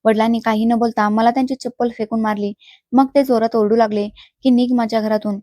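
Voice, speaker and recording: Woman narrator for spoken story, fairly high but flat, mellow, dry close sound. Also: fairly quick, no room sound. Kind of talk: first-person story narration.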